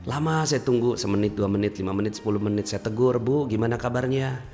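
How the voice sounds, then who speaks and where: Lower-voiced man telling stories in an echoing hall. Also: fast. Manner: animated storyteller with sudden rises in pitch. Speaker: motivational speaker. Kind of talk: seminar talk with storytelling. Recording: hall reverb with faint background music.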